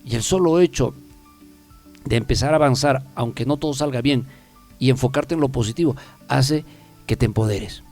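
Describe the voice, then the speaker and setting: A man's voice: mid-range voice, normal speed, long pauses, darkish tone, faint music behind. A man hosting a self-help talk program, speaking emphatically and repeating key phrases for the listener. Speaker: self-help radio host. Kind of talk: motivational talk show monologue.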